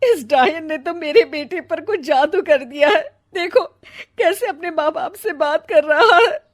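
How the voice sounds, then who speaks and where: A woman voicing a bossy, quick-tempered middle-aged mother-in-law in a cartoon, scolding loudly. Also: very high voice, expressive, pitched above the performer's own voice. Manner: scolding, loud and domineering. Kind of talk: cartoon voice acting.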